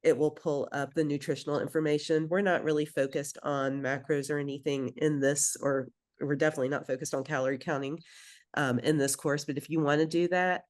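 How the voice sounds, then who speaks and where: A woman's voice: sits low, steady tone, fairly quick, darkish tone. Woman, from Belgium, program coach, group session, conversational, many fillers.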